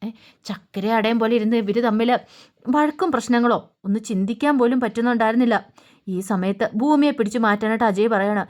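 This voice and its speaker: A woman's voice: a little high, brisk, darkish tone. A woman storyteller casually retelling a TV serial episode in a colloquial way, with little humming fillers.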